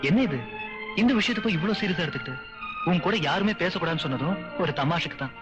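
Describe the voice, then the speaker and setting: Earnest young male student, played by a man, dull film audio under loud score. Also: fairly high pitch, expressive, fast talker, over music, natural voice. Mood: soothing. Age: young adult. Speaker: college student. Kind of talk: 1990s film drama acting.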